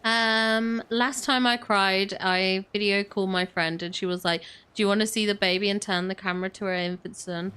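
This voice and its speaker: Female gamer: casual commentary, mid-pitched, giggly, openly emotional. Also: steady tone, moderate pace, sharp tone, clean tone.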